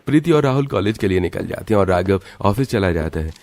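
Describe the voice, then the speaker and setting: A man giving even, matter-of-fact scripted narration for a cartoon story. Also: deep voice, fast.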